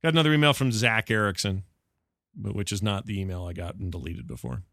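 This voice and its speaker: A man's voice: fairly low pitch, expressive, fast talker, a bit bright, dry recording, studio quality. A man hosting a casual podcast, chatting and reading listener emails aloud in a jokey way. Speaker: podcast host.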